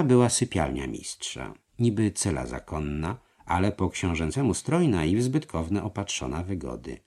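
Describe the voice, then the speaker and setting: Deep gravelly male narrator. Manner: dramatic, lively reading. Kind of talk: audiobook narration of a historical novel.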